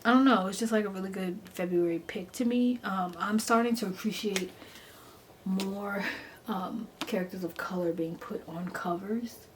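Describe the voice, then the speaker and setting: A woman's voice: medium pitch, moderate pace. A woman giving a chatty, gushing book review in an informal, enthusiastic way, stressing words by repeating them. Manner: informal, enthusiastic, emphatic repetition. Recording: noticeable background noise.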